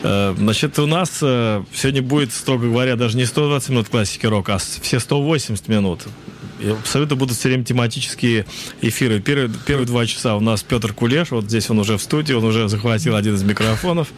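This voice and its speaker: A man's voice: medium pitch, fast talker, a little hiss or hum. A man hosting a live radio show in casual chat, with playfully courtly, hesitant phrasing. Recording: music playing behind the voice. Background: music.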